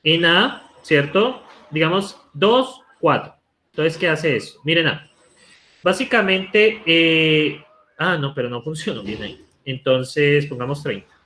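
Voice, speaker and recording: A university lecturer from Colombia, his voice a little high with lively intonation and a sharp tone, speaks at a measured pace. In Colombian Spanish he explains code during a live online lecture, typing along and asking "¿cierto?" again and again.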